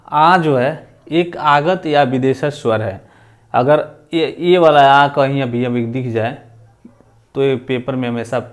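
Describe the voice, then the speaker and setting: A man teaching grammar for exam preparation, explaining step by step, repeating points and sounding out vowels as examples. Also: mid-range voice. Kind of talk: exam-prep lecture.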